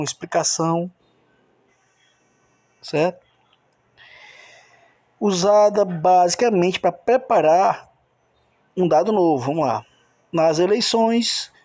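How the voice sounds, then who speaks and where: A man with a high voice teaches a grammar lesson on a close mic, recorded dry with no room echo. He breaks every rule into small steps and keeps checking in with the listener. His voice has a gravelly edge. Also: darkish tone. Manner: explains step by step, often checks in with the listener.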